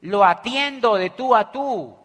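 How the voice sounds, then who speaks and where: A man with a Colombian accent giving an animated motivational talk, telling stories and acting out the dialogue. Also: very high voice, slow. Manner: animated, tells stories acting out dialogue, keeps asking "do you understand me". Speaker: business motivational speaker. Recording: echoey hall reverb.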